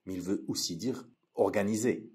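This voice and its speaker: A man with an Algerian accent teaching a language lesson, saying each phrase, repeating it slowly and explaining it. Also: fairly low pitch, a little mellow.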